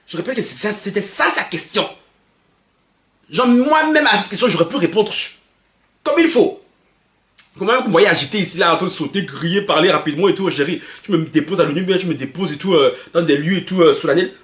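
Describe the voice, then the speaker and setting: A young man from Belgium vents in animated gossip commentary, his voice sitting high. He is excitable and mocking, laughs often and stammers through restarts. The room around him echoes noticeably. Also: a little fast. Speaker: YouTuber commenting on pop culture.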